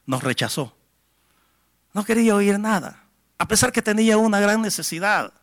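High, gravelly-voiced preacher telling a story. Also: male voice, lively intonation, normal speed. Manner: dramatic storytelling, swelling to near-shouts. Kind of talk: sermon testimony.

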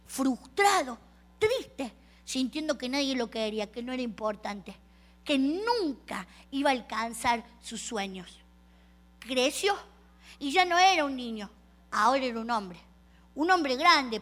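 A woman telling a story to children in an expressive, soft-spoken way, with long pauses. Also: on the high side.

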